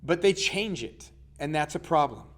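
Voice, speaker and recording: A man's voice: on the high side, expressive, moderate pace, fairly bright tone. A man, teaching a casual health lesson as a coach and putting questions to his listeners. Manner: chatty, asks the listener questions.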